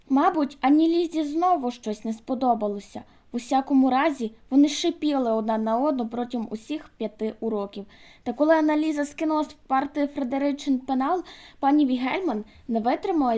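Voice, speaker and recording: High-voiced woman reading a children's book. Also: darkish tone. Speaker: audiobook reader.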